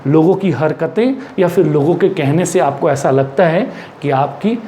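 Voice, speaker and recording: In a Hindi-English vocabulary lesson, a man with an Indian accent repeats English words and puts questions to the viewer. His fairly high voice is warm and moves at a moderate pace, with slight background noise behind it.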